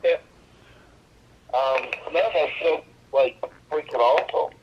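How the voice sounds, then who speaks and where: A man's voice: medium pitch, slow, slightly rough. A man chatting casually on a lo-fi phone call with a relative, wry and joking. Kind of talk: casual chat.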